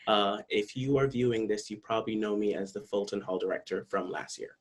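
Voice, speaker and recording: A man in his twenties from Barbados, telling his story in a measured, reflective way over a video call. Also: fairly low pitch. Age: 20s. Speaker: interviewee.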